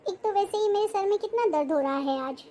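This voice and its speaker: A woman's voice: extremely high pitch, animated, a little fast, warm tone. A woman voicing an arrogant, scornful young daughter-in-law in a cartoon-style family drama, always complaining and snapping back. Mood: irritated. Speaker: schoolteacher character.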